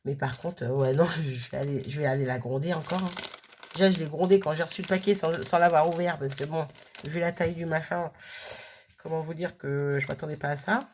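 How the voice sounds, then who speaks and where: A woman's voice: sits low, steady tone, a little fast, a little mellow, slight background noise. A woman chatting casually as she unboxes a craft gift, gushing and repeating her delight as she goes.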